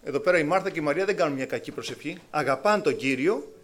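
High-voiced preacher with animated swings. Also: male voice. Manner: animated, acts out biblical voices with sudden pitch swings. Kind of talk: sermon.

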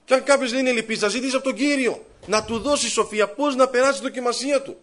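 A man's voice: extremely high pitch, fairly bright tone. A man preaching a sermon, telling his own story and voicing his thoughts and prayers. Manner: rising fervent pleading in prayer.

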